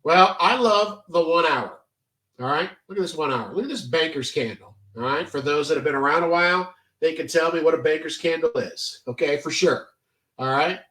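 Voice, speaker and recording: A man's voice: on the high side, normal speed, sharp tone, echoey room, recorded from a distance. A congested man giving a casual, chatty trading tutorial, full of fillers and stop-start phrasing. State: stuffy, congested. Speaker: trading educator. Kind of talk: casual screen-share tutorial.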